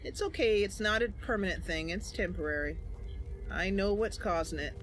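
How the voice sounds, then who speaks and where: A woman with a medium-pitched voice hosts a gaming channel, speaking at a normal speed with faint music playing behind her. She keeps up casual, chatty commentary for her viewers while she plays.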